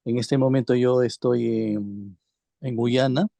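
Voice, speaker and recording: Hesitant man on a video call, gravelly and dark-toned, audio dry and close. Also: mid-range voice, steady tone, takes it slowly, no room sound. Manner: hesitant, many fillers and restarts. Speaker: webinar attendee asking questions.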